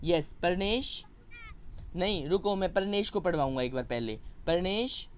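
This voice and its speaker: A man's voice: high voice, expressive, moderate pace, slight background noise. A man teaching a primary school Hindi class over a video call, patiently explaining words and coaxing children to read aloud. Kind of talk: online class lesson.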